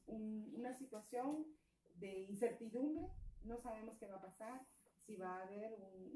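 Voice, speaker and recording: A woman's voice: medium pitch, warm tone, slight background noise. A woman from Guatemala with a Guatemalan Spanish accent, an activist earnestly explaining a political crisis, with frequent fillers and tag questions. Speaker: women's movement activist. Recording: echoey room from a distance.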